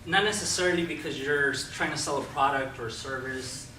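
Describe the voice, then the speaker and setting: A distant, noisy recording with heavy room echo carries a man's talk. His voice is a little high, and he presents in an informal, persuasive, explanatory way, addressing his listeners directly like a club speaker. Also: brisk. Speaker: Toastmasters club speaker giving a sales talk. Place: indoor club meeting room with a live group. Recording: distant mic, very echoey room, clear noise.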